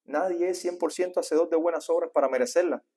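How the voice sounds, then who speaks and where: A pastor with a Cuban accent preaches to his congregation, pressing them with question after question. His voice is husky and sits a little high for a man. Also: fast talker, warm tone. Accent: Cuban Spanish. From Cuba. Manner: preaching with rhetorical questions, often asking "¿eh?". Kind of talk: sermon. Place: church.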